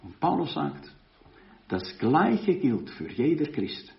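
Slow, animated preacher man. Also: on the high side, vocal fry. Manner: slow, emphatic, swelling to loud stresses. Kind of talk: sermon. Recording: dull lo-fi recording.

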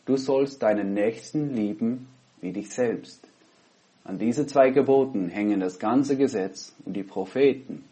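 A man from the Netherlands, a pastor speaking German with a Dutch accent, gives an earnest online sermon and prayer through a headset at his laptop, pausing often between phrases. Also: mid-range voice, dark tone. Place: home, recorded at a laptop.

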